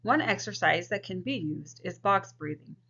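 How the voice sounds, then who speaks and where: Creaky-voiced woman giving an instructional presentation. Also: mid-range voice, expressive, normal speed, bright, forceful tone. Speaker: social work student presenting. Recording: dull, lo-fi microphone sound.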